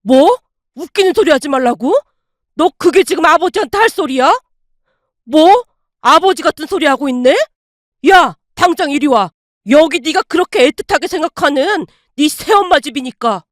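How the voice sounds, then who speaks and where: A woman playing a furious middle-aged ex-husband who shouts and accuses. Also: high voice, expressive, fairly quick, dry recording, studio quality. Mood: shouting.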